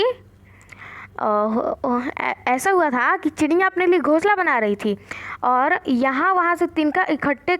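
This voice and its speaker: A woman's voice: high-pitched, fairly bright tone. A woman teacher telling a story to young children, repeating and explaining each line in simple words.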